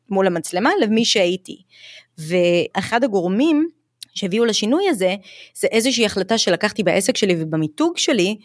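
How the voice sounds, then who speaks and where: A woman's voice: mid-range voice, no echo, clean studio sound. A woman from Israel, an English teacher and YouTuber, speaking as a guest in a podcast conversation, reflective and frank, dropping English phrases into her talk.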